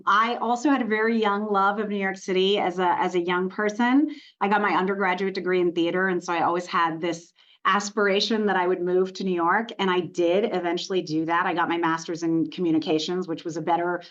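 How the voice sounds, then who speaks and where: A woman's voice: lowish voice, fairly even intonation, fairly quick, a bit bright. A woman from Montreal, Canada speaks as a podcast guest, recounting her career in an easy storytelling way full of "you know" fillers. Her audio sounds somewhat dull and lo-fi. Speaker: corporate communications executive, guest. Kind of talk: podcast interview.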